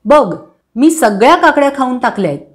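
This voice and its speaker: A boastful, stubborn young man from a storybook, as a woman reading aloud puts him on. He talks in a cocky, insistent way in a fairly high voice. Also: big pitch swings, brisk.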